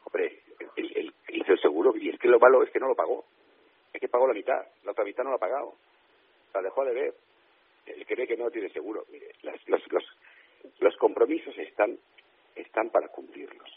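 A man's voice: mid-range voice, expressive, brisk, creaky, husky. A man with a Spanish accent from Spain, a radio guest speaking on the phone, indignant and emphatic, often repeating himself. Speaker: interview guest. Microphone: telephone. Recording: tinny phone line.

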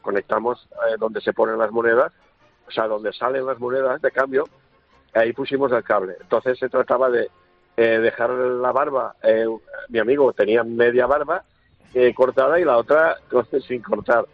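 A man's voice: medium pitch, steady tone, normal speed, soft background music. A man calling in to a radio show, telling a story hesitantly, with many fillers, over a phone line. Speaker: caller. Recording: tinny dry phone line.

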